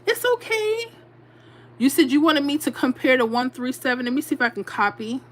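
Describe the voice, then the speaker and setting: A woman's voice: high voice, fast. A middle-aged woman from Louisiana hosting a livestream, chatting casually and laughing as she reads comments. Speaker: livestream host.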